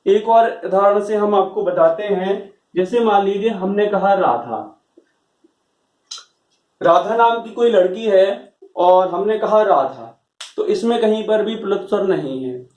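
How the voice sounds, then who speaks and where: A man's voice: high-pitched, moderate pace, a little mellow. A man teaching a grammar lesson to a class, explaining patiently and checking often that students follow. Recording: roomy echo, voice from far off.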